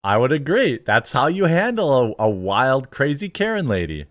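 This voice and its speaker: A man hosting a show, giving casual reaction commentary in a rambling, halting, conversational way. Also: mid-range voice, sing-song, dry recording, studio quality.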